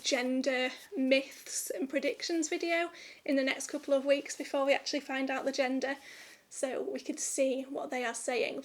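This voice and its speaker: A young woman vlogging to camera in a candid, rambling, chatty way. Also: sits high. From United Kingdom. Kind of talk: casual chat to camera.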